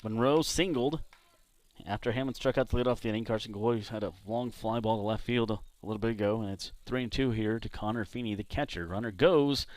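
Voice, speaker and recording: A man from San Diego doing play-by-play commentary for a baseball game, chatting between pitches. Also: brisk, no room sound. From San Diego, California. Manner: relaxed, chatty between pitches, jumps up loud on big hits. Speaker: play-by-play announcer.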